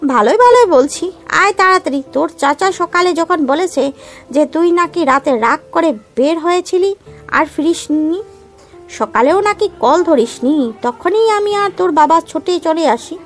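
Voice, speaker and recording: A woman plays an anxious mother pleading with her son in an audio story. Her voice sits high and sounds urgent and scolding. Faint music plays underneath. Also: expressive, measured pace.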